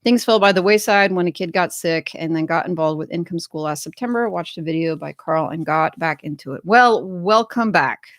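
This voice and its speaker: A woman's voice: on the low side, moderate pace, few pauses, dry recording, studio quality. An American woman hosting a casual livestream, chatting upbeat and reading viewer comments aloud. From United States. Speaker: livestream host.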